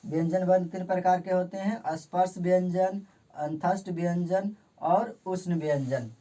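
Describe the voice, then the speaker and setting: A man talks through a grammar lesson in a casual classroom way. He points at the board and goes over each definition slowly, repeating it several times so it sinks in. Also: sits high, fairly even intonation, dark tone. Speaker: teacher.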